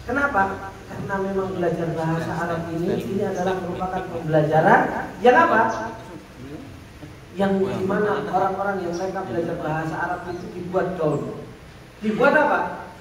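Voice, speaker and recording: An Islamic teacher gives a religious lecture, posing rhetorical questions and answering them himself. His voice sits high and brisk with frequent pauses, and a crowd can be heard behind him in an echoey room recorded from a distance, with faint noise.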